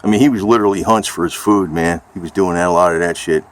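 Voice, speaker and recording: An American amateur video blogger talks casually in a rambling homemade vlog, informal and salty in a matter-of-fact way. His voice is low and steady, and he speaks quickly. The amateur recording is noisy, with vehicle ambience.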